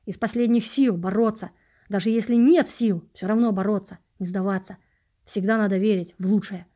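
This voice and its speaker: A woman's voice: medium pitch, fairly even intonation, normal speed, warm tone, lightly acted. A woman reading an audiobook, voicing an earnest male vagrant who lectures in a preachy, insistent manner.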